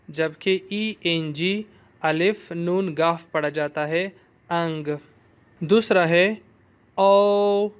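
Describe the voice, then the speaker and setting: Young male teacher, very clear resonant voice, flat even delivery, patient repeat-after-me drill. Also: on the high side. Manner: slow, patient, repeats each syllable several times. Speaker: language teacher. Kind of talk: pronunciation drill lesson.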